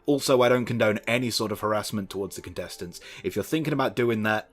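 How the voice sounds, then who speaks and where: A man's voice: lowish voice, fast, faint music behind. A young man narrating a scripted video essay with sardonic asides and the odd swear word.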